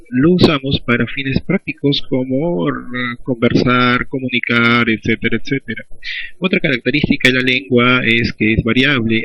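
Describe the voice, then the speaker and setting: A teacher walks through a recorded language lesson step by step, often pausing to check in with a quick "¿sí?". His voice sits at an ordinary middle pitch for a man. The recording sounds dull and lo-fi. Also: no room sound. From Peru. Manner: methodical, checks understanding with "¿sí?".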